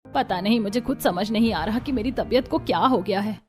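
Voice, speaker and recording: A woman voicing a tired working mother-in-law in an animated cartoon, speaking softly and wearily. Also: medium pitch, brisk, close to an everyday voice. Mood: puzzled.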